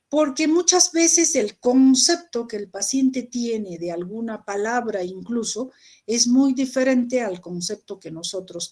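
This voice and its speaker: A woman's voice: fairly high pitch, a little mellow. A woman giving a recorded medical lecture, explaining patiently to students and often checking in with rhetorical questions.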